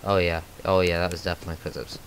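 A man's voice: sits low, flat delivery, rapid-fire, a little hiss or hum. A man hosting a gaming channel, giving let's play commentary as he thinks aloud with nervous exclamations.

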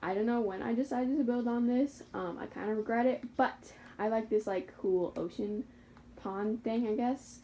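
The audio is poor, with a little hiss or hum. A young female gaming YouTuber, medium-pitched and dark in tone, gives loose, rambling commentary on her own Minecraft survival game, laughing whenever she has to correct herself.

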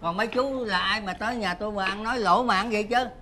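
A man's voice: sits high, fast talker, sharp tone, slight background noise. An older actor playing a ruined, despairing father in debt who speaks wearily. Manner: weary, lamenting.

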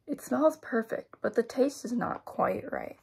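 A woman's voice: a little high, lively intonation, measured pace, creaky, husky, pitched above the performer's own voice, heavily acted. A woman voicing a proud, fussy male duck chef who talks theatrically with mock Italian flourishes. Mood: eager.

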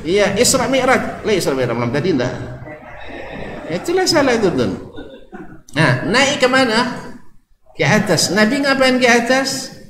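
A man preaches in an Ocu Malay accent with a lively, swinging voice, quizzing his listeners and slipping in jokes. His voice sits a bit high for a man. The recording rings with long hall reverb over faint ambience. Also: unhurried, long pauses, a little hiss or hum. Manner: lively, jokes with the audience, asks questions. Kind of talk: Islamic study lecture.

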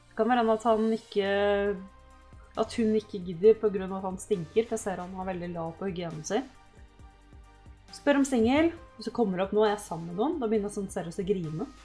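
A woman giving casual let's-play commentary, excitable and yelping at her game characters. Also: medium pitch, soft background music. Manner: excitable, yelps and shouts at the characters. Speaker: gaming host.

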